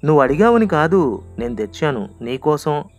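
A man's voice: a little high, big pitch swings, moderate pace, soft background music. A man doing a pushy young pest. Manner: insistent, coaxing.

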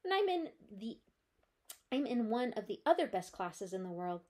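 A woman voicing a cheerful, curious male hamster class pet in a storybook read-aloud, talking in a squeaky, friendly, eager way. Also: big pitch swings, moderate pace, mellow.

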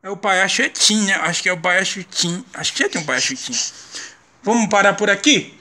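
A young Brazilian father in clown makeup, talking playfully to viewers and coaxing his small son, laughing often and jumping into high sing-song calls. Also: expressive, a little fast, bright, forceful tone. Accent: Brazilian Portuguese. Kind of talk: casual home video talking to viewers. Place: at home with a small child.

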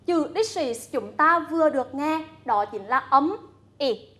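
A woman teacher with a Vietnamese accent leading a bilingual classroom lesson, speaking deliberately and coaxing her students to answer. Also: high-pitched, lively intonation, bright, forceful tone. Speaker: English teacher.

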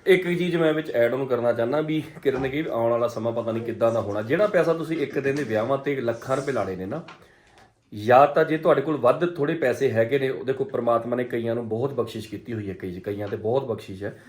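A man's voice: mid-range voice, quick pace, a little mellow. A man hosting a family vlog in casual talk, earnest and repeating phrases for emphasis as he chats and interviews. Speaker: vlog host.

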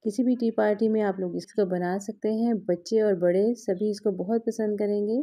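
A cooking vlog host at a home kitchen counter patiently describes every step of a recipe while her hands do the work. Her voice is mellow and medium-pitched, with a steady tone and a moderate pace.

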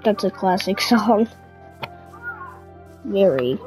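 A woman's voice: medium pitch, lively intonation, slow, darkish tone, soft background music, poor audio. A young woman talking viewers through a game tutorial in a casual, chatty way, now and then grumbling in frustration. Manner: chatty, easily frustrated, talks to viewers directly. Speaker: gaming tutorial creator. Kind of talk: casual gameplay commentary.

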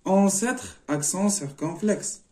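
A man's voice: sits high, expressive, slow pace, a little mellow. A middle-aged man with a Moroccan accent, teaching a primary-school French spelling lesson, explaining step by step, repeating words and switching between languages. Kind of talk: French lesson walkthrough mixing Moroccan Arabic and French.

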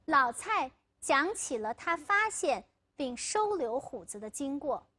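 A woman lecturer on a TV legal program, telling a story in a vivid, expressive way. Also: high-pitched, takes it slowly. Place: TV studio.

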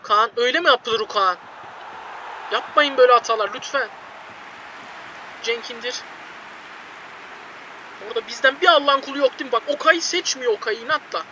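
Excitable high-pitched young man yelling at a football game. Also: slight background noise, poor audio. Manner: excitable, shouts at players, repeats words. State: hoarse, voice going. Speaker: gaming YouTuber. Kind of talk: live gameplay commentary.

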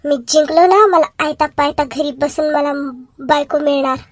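A woman's voice: high-pitched, fairly even intonation, dry recording, studio quality, close to an everyday voice. A woman voicing a brash male village gambler in a cartoon, taunting others to raise their bets. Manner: bossy, taunting, hurried. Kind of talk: cartoon voice acting.

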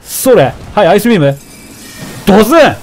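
A man giving casual, animated commentary while playing a game, often taunting enemies and shouting at the screen. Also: high-pitched, normal speed, creaky. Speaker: let's play commentator.

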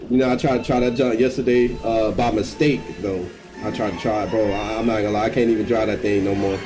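A man giving live gameplay commentary as a streamer, slangy and excitable, breaking into screams. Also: on the low side, fast talker, poor audio. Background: game music.

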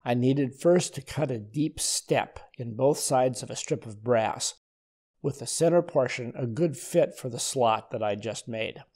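An older man giving a calm, methodical voice-over as he explains a woodworking demonstration. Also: medium pitch, measured pace. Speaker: woodworking instructor. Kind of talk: scripted voice-over narration.

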